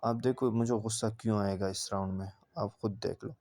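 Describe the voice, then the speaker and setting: Mellow-voiced man narrating gameplay. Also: fairly low pitch, steady tone, fairly quick. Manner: casual, talks straight to viewers in a recounting tone. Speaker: gaming channel creator. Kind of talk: gameplay commentary voice-over.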